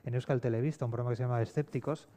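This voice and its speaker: This Spanish-accented man from Spain, a fiction scriptwriter on a panel as a guest, talks rapid-fire in a mid-range, dark-toned voice with fairly even intonation. He speaks discursively, repeating words to drive points home.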